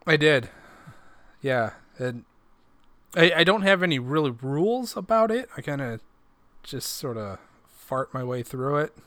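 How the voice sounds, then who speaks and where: A man's voice: fairly high pitch, animated, unhurried, long pauses, fairly bright tone, dry recording. A middle-aged man co-hosting a podcast in casual chat, crude and self-deprecating, sometimes mumbling. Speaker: podcast co-host.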